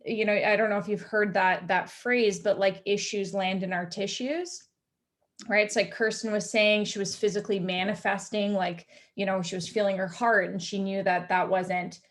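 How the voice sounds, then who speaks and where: A woman's voice: mid-range voice, fairly even intonation, moderate pace. A woman in her thirties speaks on a video call with a mid-range voice. She is a physiotherapist on a casual panel, talking straight and peppering her speech with "like" and "you know.". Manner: frank, filler-heavy, many "like" and "you know".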